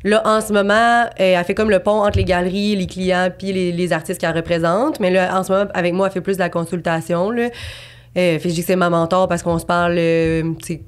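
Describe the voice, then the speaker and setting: A woman's voice: fairly low pitch, little pitch movement, fast, clean tone. Woman, 20s, Québécois accent, guest on a podcast, chatty, rambling, many fillers. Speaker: abstract painter, guest. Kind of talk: casual podcast interview.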